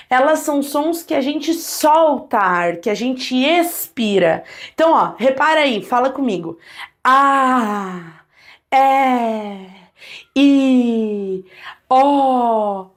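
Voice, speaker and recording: A woman teaching a Portuguese grammar lesson, talking straight to viewers and sounding out vowels and consonants for them to repeat. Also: high-pitched. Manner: lively, addresses viewers directly, models sounds aloud.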